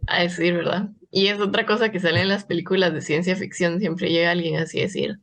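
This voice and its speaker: A woman's voice: lowish voice, quick pace. A woman co-hosting a podcast interview, chiming in with enthusiasm. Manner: enthusiastic, animated. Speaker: podcast co-host.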